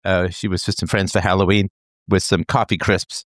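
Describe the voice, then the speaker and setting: In a casual chat, a man in his thirties lays out an idea in an animated, playful way, as though explaining it to a child. His voice sits low and his pace is moderate, recorded with clean studio sound and no echo.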